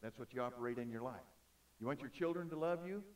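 A man preaching a sermon in an auditorium, emphatic, swinging between loud and soft. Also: mid-range voice, quick pace, recorded from a distance. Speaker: pastor.

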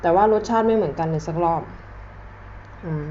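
A woman's voice: lowish voice, a little fast, mellow. A woman chatting casually and intimately, as if to a close friend, while eating and talking with her mouth full. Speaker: vlogger eating a meal on camera. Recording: dull lo-fi sound with faint noise.

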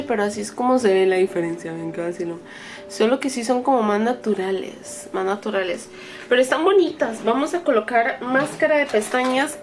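A woman in her thirties talks through a makeup try-on for her channel in a relaxed, chatty way. Her voice sits a bit high, and she keeps correcting herself as she addresses her viewers. A faint background hum runs under her speech. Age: 30s. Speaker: beauty vlogger. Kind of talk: casual makeup try-on chat to camera.

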